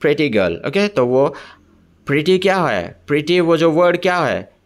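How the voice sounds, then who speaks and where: A man's voice: a little high, big pitch swings, normal speed. A man teaching a bilingual lesson to young children, mixing into his talk. He repeats questions and keeps checking with "okay?".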